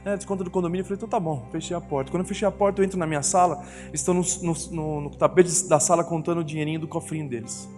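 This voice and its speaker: A man's voice: a little high, steady tone, racing, hardly any pauses, darkish tone. A middle-aged man with a Brazilian Portuguese accent, preaching a sermon and telling family stories, acting out the voices of his wife and children. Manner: storytelling, acts out family voices. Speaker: pastor. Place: church hall. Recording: long reverb of a church hall with music.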